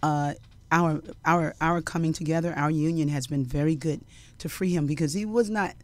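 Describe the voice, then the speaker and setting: A middle-aged woman singer and songwriter, a guest in a studio interview, telling stories in a lively way, laughing often and breaking into song. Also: deep voice, moderate pace, no room sound. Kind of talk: casual interview chat with storytelling. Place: radio studio.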